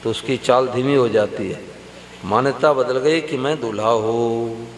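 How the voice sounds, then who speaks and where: Slow-speaking male preacher in echoing hall. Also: medium pitch. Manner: slow, storytelling, addresses the audience directly. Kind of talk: devotional sermon. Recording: roomy hall reverb with faint hum.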